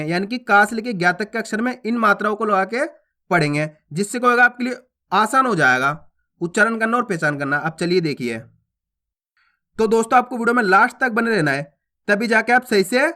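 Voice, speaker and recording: A man's voice: sits high, bright, forceful tone. A man teaching children's Hindi spelling, patiently repeating each sound and asking the listener questions. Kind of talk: explaining a spelling lesson.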